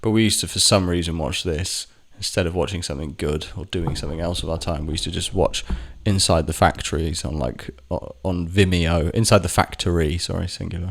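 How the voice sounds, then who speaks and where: A man with a deep, low voice tells a personal story in a loose, rambling way. He swears freely and keeps stopping to correct himself mid-sentence. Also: vocal fry. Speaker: vlogger. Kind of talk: casual storytelling monologue.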